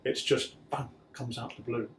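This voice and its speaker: A man's voice: medium pitch, little pitch movement, moderate pace, slight background noise. A man who works in disease research, explaining the science and the disease in a thoughtful interview. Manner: explanatory, thoughtful, frequent "you know". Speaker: medical researcher. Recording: echoey room with faint ambience.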